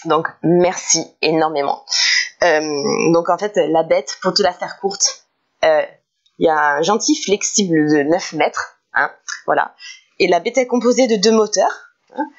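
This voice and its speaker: A woman's voice: fairly low pitch, measured pace, long pauses. A woman talking casually to camera in a car detailing vlog, hesitant, with many fillers and restarts, often laughing. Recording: dull lo-fi recording.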